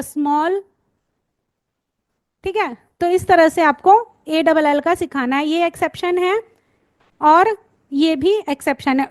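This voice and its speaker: Slow, high-voiced woman teaching phonics. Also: no echo. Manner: patient, slow sounding-out of letters and blends; checks in with students often. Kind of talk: spoken lesson, sounding out words.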